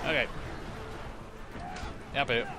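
A man's voice: takes it slowly, noisy background. A man giving casual gameplay commentary while he plays. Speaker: let's play host. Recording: loud game music and sound effects behind. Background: loud game music and combat sounds.

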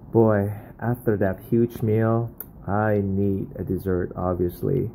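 A man's voice: mid-range voice, mellow, rough recording. A man in his forties vlogging a meal in a small restaurant, enthusiastic and savoring every bite. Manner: enthusiastic, savoring food with drawn-out exclamations. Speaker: food vlogger. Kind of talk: casual food vlog. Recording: restaurant noise behind.

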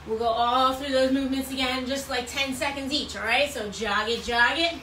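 A woman's voice: high voice, steady tone, moderate pace, pushed and bright. A woman in her thirties working as an aerobics instructor, calling out moves and counts with repetitive, encouraging cues while she exercises. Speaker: fitness instructor leading a workout. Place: small bright room at home, indoors. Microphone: camera or phone several feet away. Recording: roomy, distant mic, clear background noise.

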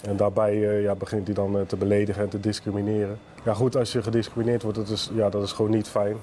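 A police officer explains an arrest in a halting way, with many fillers. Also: male voice, on the low side, monotone, mellow, slight background noise. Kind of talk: interview statement.

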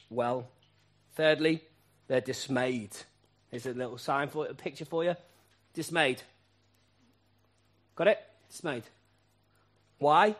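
A man preaching from the pulpit in a fairly high voice. He asks the congregation rhetorical questions and repeats key phrases like chants. He drops to quiet asides, then climbs to loud, emphatic peaks. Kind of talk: sermon.

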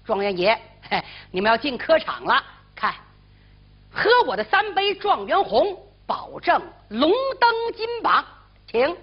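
Obliging innkeeper played by a woman, high, swooping calls, fawning pingshu character, dull recording. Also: very animated, a little slow, breathy edge, heavily acted. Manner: calling out, fawning. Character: eager, obliging male innkeeper calling to guests.

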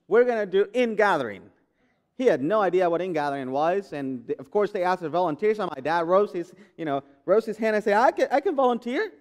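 Pastor guy in his 30s, chatty sermon, lots of ums, fairly high smooth voice. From Guatemala. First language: Spanish. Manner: conversational, frequent fillers and restarts. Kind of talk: sermon testimony. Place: church sanctuary.

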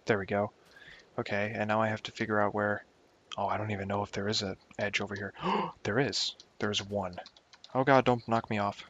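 A young man with a lowish voice chats his way through a building game, rambling, muttering and poking fun at his own slips. The sound is dull and lo-fi, like a cheap desk mic in a room at home. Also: little pitch movement, quick pace, fairly bright tone, a little hiss or hum. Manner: rambling, self-mocking, talks to himself while playing. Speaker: gaming YouTuber. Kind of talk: casual gameplay commentary.

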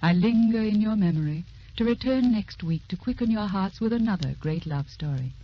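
An actress playing Romance personified, a gracious, poetic hostess reading scripted narration on old-time radio. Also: female voice, medium pitch, breathy edge, dull audio. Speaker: host.

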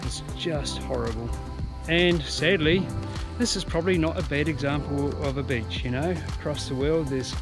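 A man's voice: on the high side, moderate pace, over music, low-quality recording. A man, narrating a sailing vlog in an earnest, plain-spoken way and often restarting his sentences. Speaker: sailing vlogger.

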